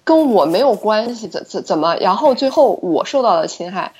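Lively, husky-voiced woman telling a story. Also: mid-range voice, moderate pace. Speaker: podcast co-host. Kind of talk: casual podcast discussion.

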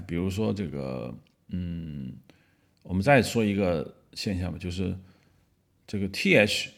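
低沉沙哑的男声，慢悠悠讲古. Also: male voice, lowish voice, gravelly, a little mellow. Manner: rambling, many fillers and restarts, spells out letters. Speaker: podcast host. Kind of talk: casual explanatory monologue.

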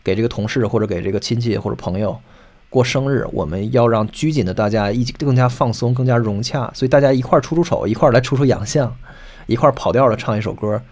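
A man's voice: medium pitch, fast talker, a little mellow. A man hosting a solo podcast, explaining music at length and singing short snatches of songs to make his points. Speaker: podcast host.

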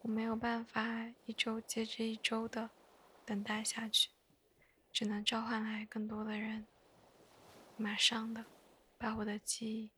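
A woman chatting in a soft, breathy whisper for bedtime listening, hushed and gently unhurried, close to the mic. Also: fairly high pitch. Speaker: host of a bedtime podcast.

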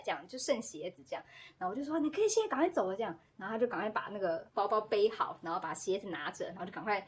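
A woman, a podcast guest telling a story in casual chat, animated and quick to act out what people said. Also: mid-range voice, husky. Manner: animated, acts out quoted dialogue, laughs often.

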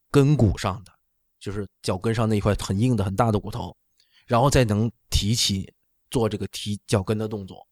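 A lowish, darkish voice comes from a middle-aged guy who's an orthopedic doctor explaining stuff casually on a talk show. Not a native Chinese speaker, he regularly checks in with "right?". Dry recording.

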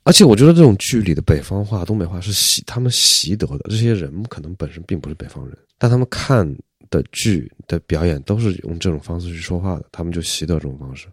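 A man's voice: deep voice, animated, quick pace, hardly any pauses, husky, dry recording, clean studio sound. A man co-hosting a podcast in casual chat, blunt and critical in a matter-of-fact way. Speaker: podcast co-host.

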